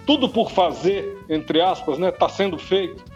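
Brazilian male radio host, high voice, chatty, praising, dull studio sound. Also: a little slow, faint music behind. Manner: warm praise, chatty filler questions. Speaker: interviewer. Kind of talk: radio interview.

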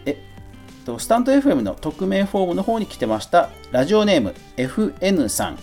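With faint music playing behind him, a middle-aged podcast host reads and answers a listener letter on his own, casual and conversational with some self-deprecation. He speaks in a high-sitting, sing-song voice that is a little fast and a little mellow.

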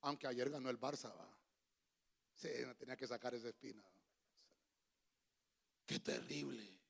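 A pastor preaching a sermon in a church, emphatic and animated, with humorous asides. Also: male voice, mid-range voice, fairly quick, vocal fry.

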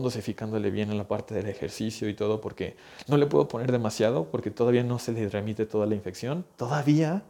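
Young man, physical therapist type, earnest and urgent, speaking straight to the viewer, warm low-key timbre. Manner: earnest, urgent, addresses listener directly. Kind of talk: direct-to-camera health advice.

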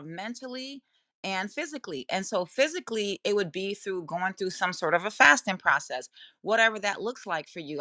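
Bright-voiced woman in casual astrology talk. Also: mid-range voice, no echo. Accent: Jamaican traces. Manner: rambling, self-interrupting, conversational. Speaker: astrology podcast host. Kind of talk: casual spoken talk to listeners.

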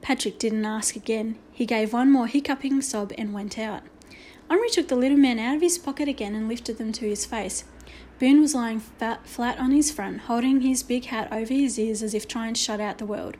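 A woman reads a children's story aloud, steady and expressive. Her voice sits a little high for a woman. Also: moderate pace. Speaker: audiobook narrator. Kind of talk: children's book reading.

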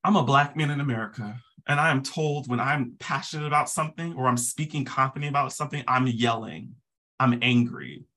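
Male therapist on a podcast: forceful, slightly husky, earnest, leans on repeated words. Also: medium pitch, brisk. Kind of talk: casual podcast conversation.

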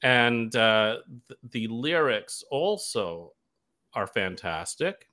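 A man's voice: medium pitch, big pitch swings, takes it slowly, sharp tone. A man from Canada, a guest DJ on a radio show, talking casually and enthusiastically, rambling with plenty of fillers.

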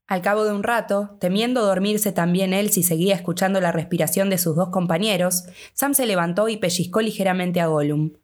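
A woman with a Rioplatense Spanish accent reading an audiobook in a steady, measured way. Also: medium pitch. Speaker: audiobook narrator. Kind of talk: scripted narration.

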